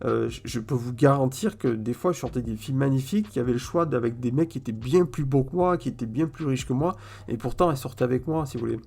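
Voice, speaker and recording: Gravelly man musing in slang. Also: medium pitch, fast talker, a little mellow. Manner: colloquial, repeats words and fills with "euh" often; addresses viewers directly, "si vous voulez", "ok?". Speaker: vlogger. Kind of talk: casual opinion monologue to camera.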